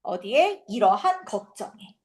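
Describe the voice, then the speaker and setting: A woman teaching an English reading passage for a high school exam, explaining it casually and acting out quick asides and rhetorical questions. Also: big pitch swings, darkish tone. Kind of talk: exam prep lecture.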